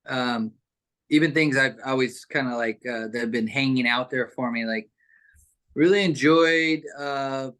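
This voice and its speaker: A man's voice: mid-range voice, unhurried, fairly bright tone. A man casually telling a childhood story on a video call, rambling, with many fillers and restarts. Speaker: group participant.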